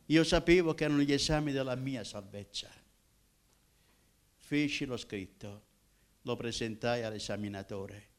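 An older man from Apulia, a minister giving his personal testimony in an emotional way, swinging from loud cries to hushed tones. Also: medium pitch, normal speed, pauses often. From Apulia, southern Italy.

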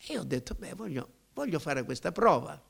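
Higher-voiced man giving halting testimony. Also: very animated, creaky, breathy edge. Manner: halting, repeating words, emotional retelling. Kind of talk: personal conversion testimony.

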